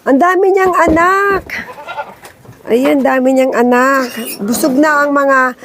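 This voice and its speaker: A high-voiced woman with a Filipino accent talks casually for her vlog. She coos in sing-song baby talk, repeating words over and over, and laughs often. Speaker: vlogger.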